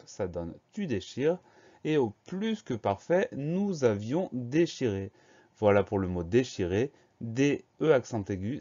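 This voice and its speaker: A man's voice: mid-range voice, mellow, lo-fi sound. A man teaching a spelling lesson, patiently spelling each word out letter by letter.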